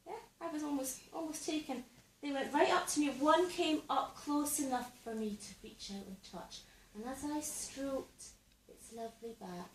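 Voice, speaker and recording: A woman performing a dry, deadpan stand-up set on a theatre stage, recorded in an echoey room. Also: a little high, a little hiss or hum. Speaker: stand-up comedian and host. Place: theatre stage before a live audience. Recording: echoey theatre, mic at a distance.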